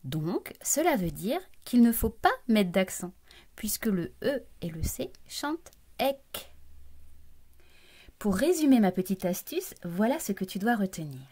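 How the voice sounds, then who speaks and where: A woman's voice: mid-range voice, dark tone, breathy edge. A woman teacher giving a recorded lesson to young children, patiently breaking words into syllables and speaking to the child directly. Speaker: primary school teacher.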